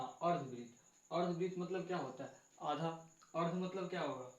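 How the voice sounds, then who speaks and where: A man with a fairly high voice teaches a grammar lesson. He poses questions and answers them himself, repeating each point. The recording is dull and lo-fi, in an echoey room.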